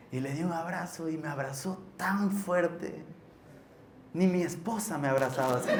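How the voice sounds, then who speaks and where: Animated storytelling pastor, echoey room. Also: male voice, sits high, slight background noise. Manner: animated storytelling with joking asides. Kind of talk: sermon. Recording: echoey room with faint ambience.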